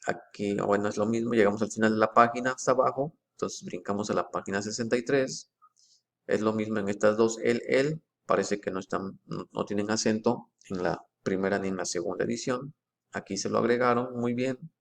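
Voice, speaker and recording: Low gravelly man, methodical explainer. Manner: slow, deliberate reading of quoted phrases. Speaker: presenter comparing book editions.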